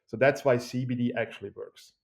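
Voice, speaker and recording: This Swiss man, a company CEO, is a guest on a podcast interview. He talks like an energetic, joking pitchman, and his voice comes across as brisk and gravelly.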